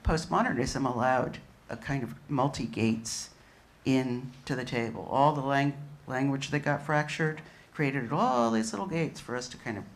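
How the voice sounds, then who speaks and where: A woman speaking as a panelist at a museum discussion, emphatic with drawn-out phrasing. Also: extremely low pitch, expressive. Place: museum event room.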